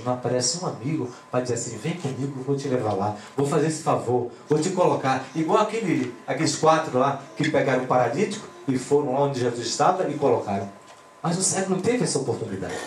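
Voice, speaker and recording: Animated preacher in an echoey church. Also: male voice, mid-range voice, slight background noise. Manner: animated, swings between loud exclamations and quiet asides. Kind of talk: pentecostal sermon. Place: church hall. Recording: echoey church with guitar music. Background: guitar playing.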